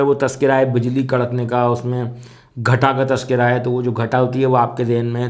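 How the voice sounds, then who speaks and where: Measured male soz teacher explaining. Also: mid-range voice. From Pakistan. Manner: explanatory, measured, with frequent fillers. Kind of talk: spoken lesson.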